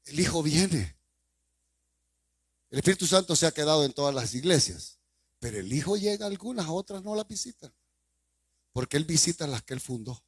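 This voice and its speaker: A male pastor with a Salvadoran accent preaching a sermon, firing repeated rhetorical questions at the congregation with sudden loud bursts. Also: a little high, expressive, moderate pace, long pauses, breathy edge, no room sound. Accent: Salvadoran Spanish.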